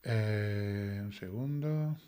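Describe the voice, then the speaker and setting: A man's voice: fairly low pitch, very slow, warm tone, clean tone. A man reading a legal document aloud and breaking off to comment on it with sarcastic, indignant rhetorical questions. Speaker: YouTube commentator. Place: home desk with computer.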